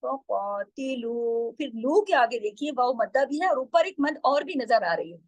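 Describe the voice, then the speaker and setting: A woman teaching tajweed, explaining patiently and drawing out syllables slowly when she demonstrates. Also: sits high, sing-song, dry recording, poor audio. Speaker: Quran recitation teacher.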